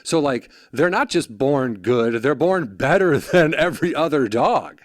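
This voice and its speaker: Man, podcast host, jokey asides, lively swooping pitch, dry sound. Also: a little slow, no echo. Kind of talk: casual podcast conversation.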